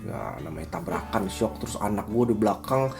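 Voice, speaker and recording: A man in his thirties from Indonesia, telling a personal story in a casual, slangy, animated vlog style. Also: lowish voice, a little fast. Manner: chatty, slangy, animated retelling with acted quotes. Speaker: vlogger. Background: faint guitar music.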